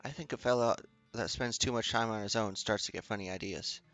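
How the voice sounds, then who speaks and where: A man's voice: fairly low pitch, a little fast, fairly bright tone, no echo, faint music behind, close to an everyday voice. A man reading the lines of a plain-spoken, skeptical frontier woman sidekick in a dry drawl.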